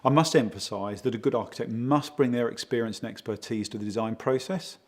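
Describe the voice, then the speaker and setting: A man working as a project consultant, giving steady, explanatory interview answers and leaning on key words. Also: mid-range voice, brisk. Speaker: project consultant for a home design firm.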